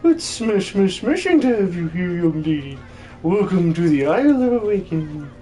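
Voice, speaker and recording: A performer dubs a video game character: an excitable, jolly and fussy old hermit who stutters by repeating words in threes. The delivery is lightly acted at medium pitch with big pitch swings, normal speed and a dark tone, over soft background music.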